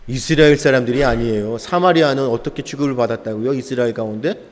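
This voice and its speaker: Man preaching in a reverberant hall. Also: quick pace. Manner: rhetorical questions, answers them himself; swings between loud emphatic and quiet low lines. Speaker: pastor. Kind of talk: sermon. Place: church sanctuary.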